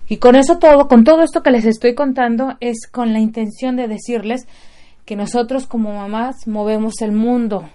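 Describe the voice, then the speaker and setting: A woman's voice: on the high side, mellow. A middle-aged woman, giving an earnest, conversational motivational talk to an audience of mothers and often checking in with them. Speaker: speaker addressing mothers.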